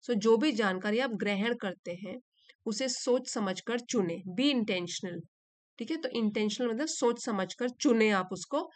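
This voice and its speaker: A woman teacher who reads each line slowly and clearly, then explains it patiently. Her voice sits a little high. The recording is close and dry, with no room echo. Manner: slow, careful reading of English lines, then patient explanation. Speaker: English teacher. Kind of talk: explaining an English reading passage in Hindi.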